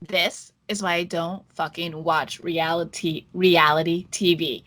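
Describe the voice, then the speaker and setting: A woman's voice: lowish voice, fairly even intonation, measured pace, fairly bright tone. A woman co-hosting a podcast, chatting casually, ranting crudely and swearing heavily. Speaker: podcast co-host. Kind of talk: casual chat.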